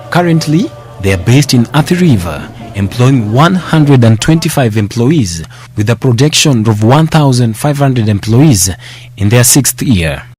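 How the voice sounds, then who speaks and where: A man reading scripted documentary voice-over narration in a formal, measured way. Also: mid-range voice, a little mellow.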